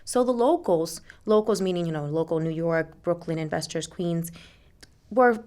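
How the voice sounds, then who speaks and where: A woman from Colombia who works as a realtor, talking relaxed and conversational as a podcast guest. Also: lowish voice, moderate pace. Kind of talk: podcast interview.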